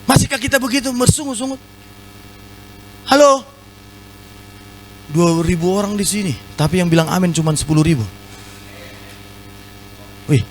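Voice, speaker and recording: A man with a Batak accent preaching a sermon in a large church, animated and full of playful asides to the congregation. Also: on the high side, a little hiss or hum, poor audio. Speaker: pastor.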